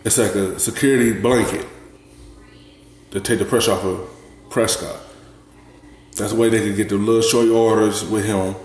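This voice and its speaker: A man hosting a reaction video, giving relaxed sports opinions in short, halting sentences. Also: fairly low pitch, reverberant. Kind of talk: casual sports commentary.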